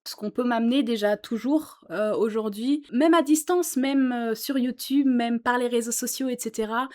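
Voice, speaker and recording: A woman's voice: on the high side, normal speed, a little mellow. A woman musician talking earnestly to camera from a sofa in her small office, in a casual chat full of fillers. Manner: earnest, thoughtful, with many fillers. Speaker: YouTuber and musician.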